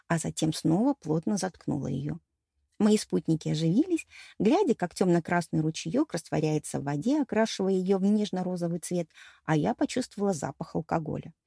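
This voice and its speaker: A woman's voice: lowish voice, creaky, warm tone, husky, dry recording, studio quality. A woman narrating a fantasy novel in the first person, with a wry, storytelling delivery. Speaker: audiobook narrator.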